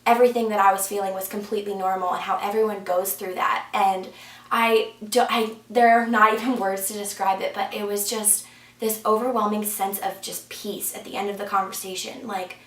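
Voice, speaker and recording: A woman's voice: medium pitch, steady tone, fairly quick. A young woman sharing a personal faith testimony in an earnest, conversational way, with plenty of "like" and "um". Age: young adult. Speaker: church member sharing her testimony. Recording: roomy sound from a distance.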